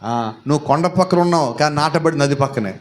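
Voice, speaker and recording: High-voiced preacher firing questions. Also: male voice, brisk, a little hiss or hum. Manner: fires rhetorical questions at the congregation, often shouting. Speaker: pastor. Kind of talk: sermon.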